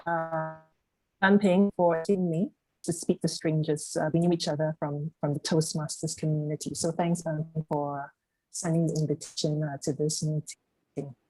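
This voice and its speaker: A woman giving spoken feedback on a video call, speaking in slow, searching phrases while her audio keeps cutting in and out at an uneven volume. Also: low-pitched, level tone, warm tone, dry recording, faint music behind, low-quality recording. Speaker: meeting evaluator. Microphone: computer mic on a video call.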